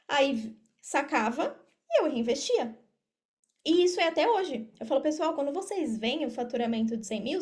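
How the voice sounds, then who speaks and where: A woman with a Brazilian Portuguese accent and a high, slightly mellow voice speaks as a podcast guest. An affiliate marketer and mentor, she explains things directly to the listener in a casual interview.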